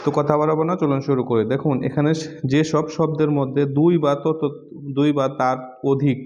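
A man with a Bangladeshi accent teaching an English pronunciation lesson, repeating example words slowly. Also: on the high side, little pitch movement, darkish tone, dull audio, a little hiss or hum. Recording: long hall reverb.

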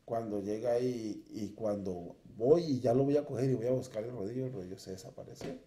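Dark-voiced man telling his testimony. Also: medium pitch, brisk, echoey room. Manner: earnest storytelling, acts out his past self. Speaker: guest sharing his conversion testimony. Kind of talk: personal testimony in a church interview. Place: church.

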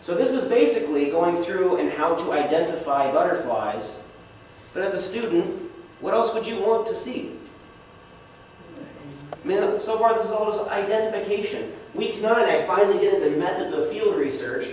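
A young man with a high-sitting, slightly mellow voice and lively intonation speaks at a normal speed as a guest speaker in a meeting hall. He gives a casual slideshow talk to a club, poking fun at himself and asking the audience questions. The hall is echoey, he's far from the mic, and there's faint noise.

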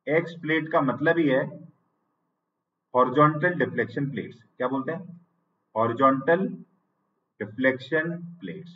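A male teacher with an Indian English accent giving an online exam-prep lecture. He dictates notes slowly, repeats phrases, and asks and answers his own questions. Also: medium pitch, recorded from a distance, phone-quality sound, slight background noise.

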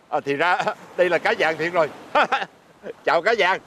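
Here a Southern Vietnamese-accented older man plays a poor, easygoing old fisherman in a fairy-tale drama, chuckling and hesitating as he goes. His voice is high-pitched, bright and forceful, a little slow, with a slight hiss or hum in the background.

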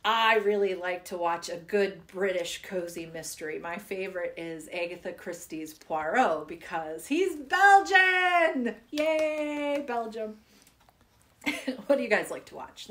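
A woman's voice: fairly low pitch, steady tone, moderate pace, fairly bright tone. A woman reading children's poems aloud in a playful, giggly way. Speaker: poetry reader.

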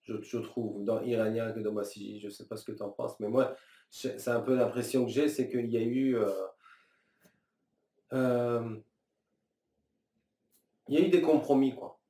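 A filmmaker from Iran, a man in his thirties, sits at a table in a small room answering interview questions in a warm, steady, mid-range voice. He is thoughtful and halting, full of restarts and fillers, and gestures with both hands. The recording sounds roomy and slightly distant.

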